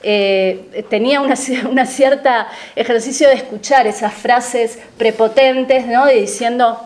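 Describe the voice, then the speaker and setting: Woman, panel speaker, slightly high voice; analytical and measured, lots of hesitation fillers. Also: fairly even intonation, darkish tone. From Argentina. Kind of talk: political talk to an audience.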